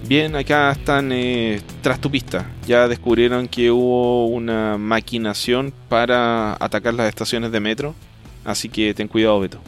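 A Chilean man hosting a podcast in casual chat, talking thoughtfully and often pausing to restart his sentences. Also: medium pitch, little pitch movement, faint music behind. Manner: thoughtful, hesitant, trails off and restarts mid-thought. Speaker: podcast host.

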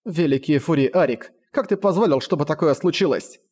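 A pleading, indignant young village woman, as a male narrator puts her on, lifted a little higher than his usual tone. Her lines stay urgent and earnest throughout the storybook scene. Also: brisk, darkish tone, breathy edge. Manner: pleading, slightly raised voice.

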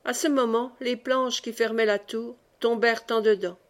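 A woman's voice: fairly high pitch, steady tone, normal speed. Woman narrating a classic novel. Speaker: audiobook reader.

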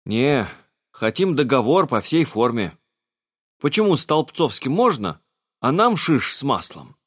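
Man doing a stubborn village guy grumbling, lively swings, dry. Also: mid-range voice, a little slow, no echo, pitched above the performer's own voice. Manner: grumbling, sullen.

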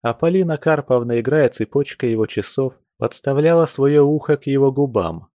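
Mellow male audiobook narrator. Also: medium pitch, expressive, normal speed, no echo, studio quality.

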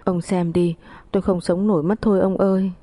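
A woman's voice: lowish voice, steady tone, a little fast, dark tone, dry recording, lightly acted. A woman voicing a furious, abusive older mother-in-law who screams insults and wails in an audio story. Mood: wailing.

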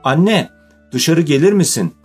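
A man voicing an eager, warm-hearted young girl in a children's audiobook, pitched up in an eager tone. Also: lively intonation, moderate pace, slightly rough, faint music behind. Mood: calling out. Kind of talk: audiobook character voice.

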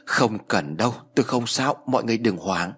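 A man voicing a tired, curt older male spirit medium who speaks slowly. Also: on the low side, lively intonation, a bit bright, slightly rough. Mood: weary. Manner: slow, tired, dismissive.

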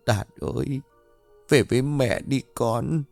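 A man's voice: medium pitch, expressive, unhurried, vocal fry, dry recording, faint music behind, pitched above the performer's own voice. A man voicing a grief-stricken older mother in a spoken ghost story, pleading and drawn out. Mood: murmuring.

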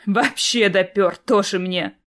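A woman's voice: medium pitch, animated, moderate pace, natural voice. Woman reading a snarky redheaded spirit dude, mocking. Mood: sarcastic. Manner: mocking, sarcastic. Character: sarcastic red-haired male otherworldly being.

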